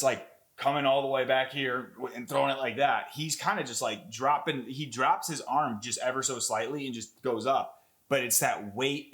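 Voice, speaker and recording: A young man talking casually and excitably as he breaks down a fight clip, rambling with lots of fillers and swearing. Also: medium pitch. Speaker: MMA content creator.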